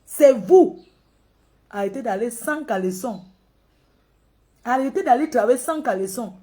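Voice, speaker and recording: High-voiced Cameroonian woman, mocking commentary. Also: lively intonation, unhurried, mellow. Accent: Cameroonian French. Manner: mocking and scolding, laughing often. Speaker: social media commentator. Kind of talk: casual live commentary.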